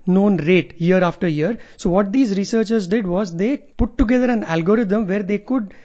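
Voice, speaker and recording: A man's voice: sits high, normal speed, warm tone. A man with a North Indian accent chatting casually as a co-host, telling things in a jokey way. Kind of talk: casual conversational chat. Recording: slightly dull, lo-fi audio.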